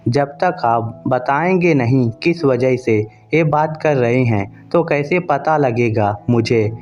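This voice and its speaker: A man voicing a young wife who speaks calmly and firmly. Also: mid-range voice, slow pace, muffled recording, faint music behind, close to an everyday voice. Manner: calm, then firm. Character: calm, firm young wife.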